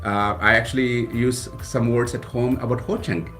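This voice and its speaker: Faint music sits behind a man with a mid-range, slightly bright voice who speaks at normal speed in a steady tone. He's a Kannada-speaking college president from South India, earnest and grateful in a casual radio studio interview, frequently restarting his phrases.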